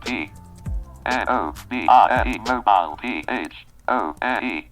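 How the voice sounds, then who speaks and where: A robotic synthesized male screen-reader voice, clipped and flat, spelling out typed letters one by one. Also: lowish voice, unhurried. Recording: distant computer speaker, faint music behind.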